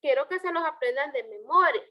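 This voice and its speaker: Brisk and lively in intonation, a high-voiced language teacher runs an online poetry lecture, explaining step by step and quizzing her students. The highs in the recording are cut off.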